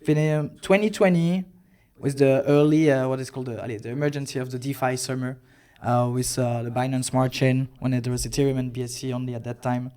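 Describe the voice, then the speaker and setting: A man in his thirties from Belgium, a podcast guest telling his story in a relaxed way, with hesitant fillers. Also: mid-range voice, fairly quick, smooth. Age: 30s. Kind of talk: casual interview chat.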